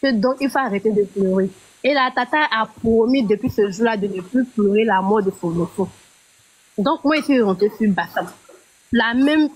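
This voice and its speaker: A woman's voice: on the high side, poor audio. A woman calling in by phone, telling a story hesitantly and restarting her phrases. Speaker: caller.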